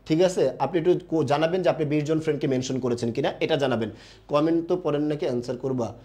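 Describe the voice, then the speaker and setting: A young man teaching a live online class in a fairly high voice. He poses a question, answers it himself right away, and reads viewers' comments aloud. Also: fast talker, warm tone.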